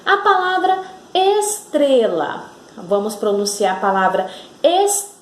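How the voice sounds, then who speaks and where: A woman teaching a children's lesson on syllables, drawing out and stressing each word slowly. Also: high voice, sing-song, roomy sound. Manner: slow and drawn out, stressing syllables.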